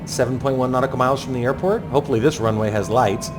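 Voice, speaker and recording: A man's voice: medium pitch, steady tone, fast. Man narrating a landing approach over music. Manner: thinks aloud in clipped aviation jargon. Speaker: flight simulator pilot narrating. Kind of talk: running commentary on a flight approach.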